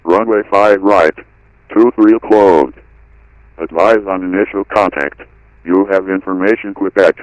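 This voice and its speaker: Deep male automated airport weather broadcast. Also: measured pace, smooth, no room sound, rough recording. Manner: even, clipped reading of numbers and phrases. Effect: automated airport weather broadcast over radio. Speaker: automated airport information recording. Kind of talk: flat recited weather and runway report.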